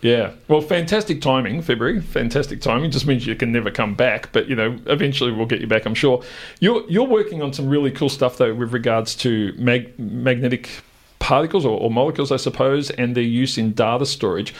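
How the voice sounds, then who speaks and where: A man's voice: mid-range voice, animated, a little fast. Chatty Australian male radio host. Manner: chatty, joking, loose questions. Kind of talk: radio interview.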